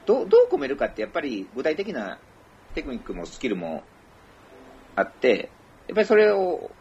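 Lively Kansai-accented man. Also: on the high side, a little fast, creaky, muffled recording, a little hiss or hum. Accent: Kansai Japanese. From Kyoto, Japan. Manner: lively, mixes in English and Kansai dialect. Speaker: co-host giving feedback. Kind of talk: casual online chat.

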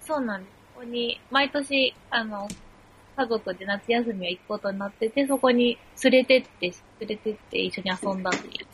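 A woman's voice: fairly high pitch, background noise. A woman speaking politely in casual chat, reflecting on her own speech. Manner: polite, quick with fillers. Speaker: guest learner.

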